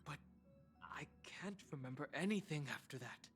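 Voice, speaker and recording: A thoughtful young hero in a video game. His voice is a touch high for a man, earnest and polite, with soft music underneath. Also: lively intonation, normal speed. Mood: puzzled, uneasy. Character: earnest, puzzled, courteous young male hero. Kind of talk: dramatic video game voice acting.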